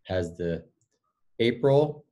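A school principal reads out the week's announcements in a very low, steady voice. This man is encouraging and often pauses on "uh" between items. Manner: steady, encouraging, frequent "uh" fillers.

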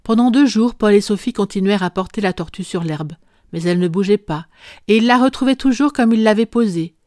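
A woman narrating a classic children's book aloud in a calm, even storytelling manner. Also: mid-range voice, fairly quick, no echo, clean studio sound. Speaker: audiobook narrator. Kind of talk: scripted narration.

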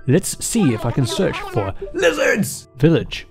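Speaking a little slowly in a gravelly, mid-range voice whose pitch swoops wildly, a gamer gives casual commentary on the action. The talk is playful and exclamatory, with rambling side remarks, and video game music runs underneath.

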